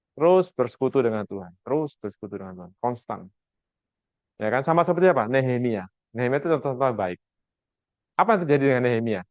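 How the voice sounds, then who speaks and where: A man's voice: mid-range voice, dry recording. A man teaching a Bible class over a video call, with an Indonesian accent, quizzing his students and acting out the quotes he tells. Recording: dull lo-fi video call audio.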